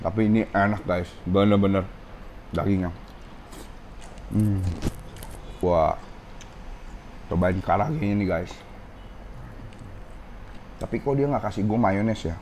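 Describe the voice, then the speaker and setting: A man's voice: on the low side, darkish tone, a little hiss or hum. A man, reviewing food in a casual vlog in a ramen restaurant, chatting to viewers as he tastes, a bit of a sore throat. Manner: chatty, keeps saying guys, tastes as he talks. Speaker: food vlogger.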